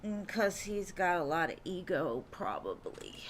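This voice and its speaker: A woman's voice: fairly low pitch, big pitch swings, unhurried. Woman, tarot reader, casual live stream, chatty with fillers, faint room noise. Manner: chatty, says "like" and "um" often, calls viewers "love".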